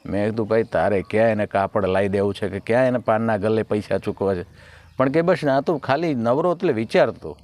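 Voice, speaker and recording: A man's voice: on the low side, fairly quick, darkish tone. A man, a folk comedian chatting through jokes and acting out each character's lines. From Gujarat. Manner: chatty joke-telling with acted dialogue. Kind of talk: Gujarati folk humor storytelling.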